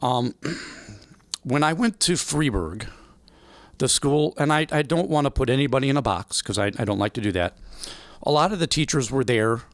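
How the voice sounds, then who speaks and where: A man in his forties telling a life story as a podcast guest, animated and acting out the voices of people he quotes. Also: medium pitch, normal speed, no room sound. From United States. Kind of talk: storytelling interview.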